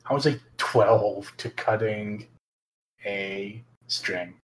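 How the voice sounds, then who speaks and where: A man's voice: on the low side, steady tone, extremely slow, slight background noise, low-quality recording. A man playing a tabletop role-playing game, talking casually as one of the players.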